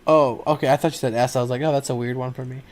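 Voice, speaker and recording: A man co-hosting a casual podcast, teasing the others with quick wisecracks. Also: mid-range voice, fairly even intonation, a little mellow. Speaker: podcast co-host. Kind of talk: casual chat.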